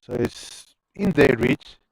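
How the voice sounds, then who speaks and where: This rough recording, free of room sound, features a slow-speaking South African man. In his Afrikaans accent he chats his way through live commentary of an amateur cricket game, wandering off on rambling tangents between deliveries.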